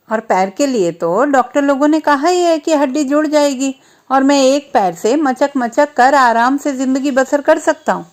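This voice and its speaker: A woman narrates a short story in the first person, speaking earnestly as a young boy. Her voice is high and light, and she reads at an even storytelling pace. The telling sounds scripted and read from a page.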